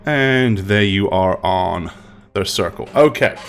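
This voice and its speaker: A man narrating as game master of a tabletop game, unhurried and hesitant, often pausing with "um". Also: lowish voice, lively intonation, creaky, soft background music. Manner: unhurried, hesitant with frequent ums.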